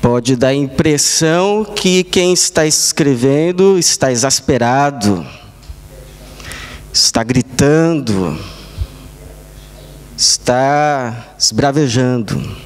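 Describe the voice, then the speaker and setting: Brazilian pastor guy preaching slow, clear smooth voice, tells little stories bit by bit. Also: mid-range voice, expressive. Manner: measured, illustrative storytelling in short phrases. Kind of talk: sermon. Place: church service.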